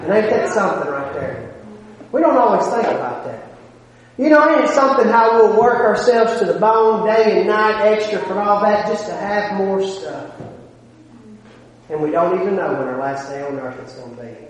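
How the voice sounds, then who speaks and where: A man's high-sitting voice, at normal speed, carries an emphatic, folksy sermon with plain-spoken asides. Between points his volume swells and then drops. The recording comes from a church sanctuary, an echoey hall with long reverb.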